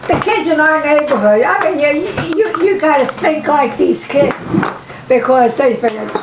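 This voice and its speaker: A tinny, noisy, echoey recording of an elderly American woman telling a story. Her voice is high, and she rambles along in a folksy, animated family reminiscence, as a grandmother does. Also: moderate pace. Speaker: grandmother sharing memories.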